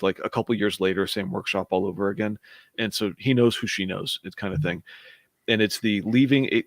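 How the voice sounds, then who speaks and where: A man with a fairly low voice talks casually about a comic book he has been reading, returning to his point as he goes. He is on a video call. The sound is close and dry, with no room around it. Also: no echo. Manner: thoughtful, circles back to his point. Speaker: co-host of a comic book show. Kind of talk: casual chat reviewing a comic.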